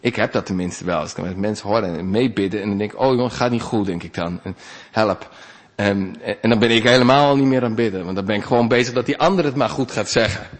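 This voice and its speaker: A male pastor giving a sermon in a conversational, animated way, with big swings in pitch. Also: quick pace.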